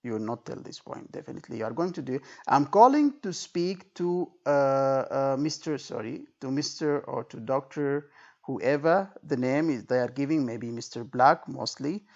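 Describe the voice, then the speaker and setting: Here a male exam tutor teaches through an informal talk with role-played phrases, going over points repeatedly and checking in with "okay" and "right." His creaky voice is mid-range and animated, at a normal speed. The sound quality is dull and lo-fi.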